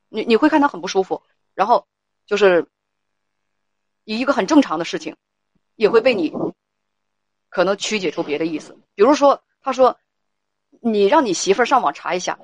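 A woman with a mid-range voice hosts a live call-in advice stream, firmly judging a caller's family quarrel and talking over her to steer the conversation. The recording has no room sound.

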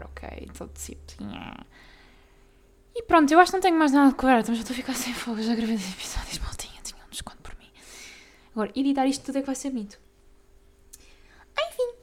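A young woman with a European Portuguese accent, hosting a casual solo podcast, talking fast and tripping over tongue twisters. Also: a little high, expressive. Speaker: podcast host.

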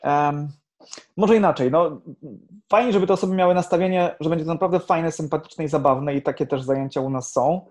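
A man who teaches improv, talking in a casual podcast chat, animated, swearing now and then and restarting his sentences. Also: a little high, brisk.

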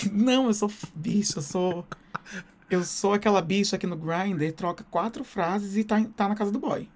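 A man with a Brazilian Portuguese accent co-hosting a podcast, telling stories in a lively way and acting out quotes. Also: high voice, moderate pace. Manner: animated storyteller, acts out quotes. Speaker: podcast co-host. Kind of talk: casual chat.

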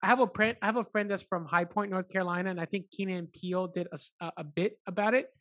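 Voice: mid-range voice, fairly even intonation, fast talker, fairly bright tone, dull audio. A podcast host who says they are hungover, chatting casually with a guest, loose and swearing freely. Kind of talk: casual chat.

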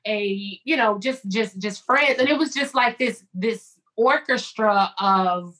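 A woman in her thirties from Chicago, telling her story in a lively, animated way in a casual conversation. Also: mid-range voice, slow. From Chicago, United States. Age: 30s. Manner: animated storytelling with acted-out inner voices.

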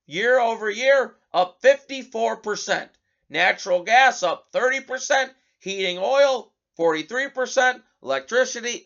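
A man's voice: high-pitched, gravelly, a bit bright, dull audio. A male talk show host giving an indignant, sarcastic political commentary monologue, often restarting his words.

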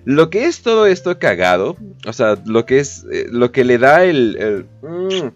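A Mexican man hosts a comedic news podcast, his voice swinging up and down in pitch as he riffs through stories with crude slang and constant fillers. The audio is dull and lo-fi, with faint music beneath. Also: sing-song, unhurried. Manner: slangy, joking, profane, lots of fillers. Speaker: podcast host. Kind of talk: casual comedic news commentary.

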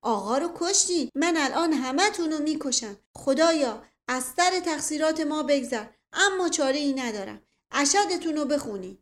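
A woman voicing a rustic old male servant in a storybook who talks loudly in a folksy, rambling way. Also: sits high, lively intonation, voice pushed up. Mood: agitated.

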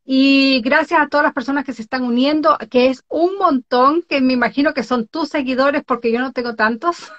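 A woman's voice: sits high, moderate pace, a bit bright. A woman from Ecuador hosting a live online interview show, talking in a chatty, exclamatory way and laughing often. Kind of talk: casual live-stream chat. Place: home in Norway. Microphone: video call. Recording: dull lo-fi live-stream audio.

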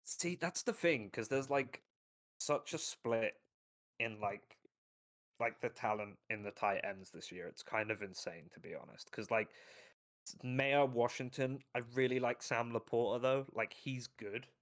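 A man's voice: mid-range voice, unhurried, fairly bright tone. Blunt, swearing man in casual sports talk. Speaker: podcast co-host. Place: lives in Ohio.

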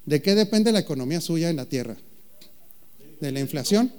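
High-voiced preacher. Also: male voice, lively intonation, darkish tone. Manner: playful, jokes with the congregation, calls out questions; slow emphatic preaching delivery. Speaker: pastor. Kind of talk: sermon.

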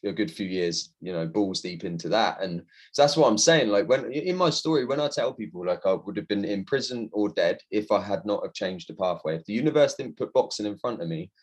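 Podcast host in his thirties, lower pitch, easygoing matey delivery. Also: animated, a little fast, hardly any pauses, slightly rough. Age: 30s. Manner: laid-back, says bro and man a lot. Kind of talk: casual podcast chat.

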